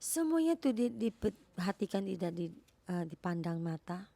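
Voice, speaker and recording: Female preacher, lowish gravelly voice, halting sermon delivery with emphatic repeats. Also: big pitch swings, mellow.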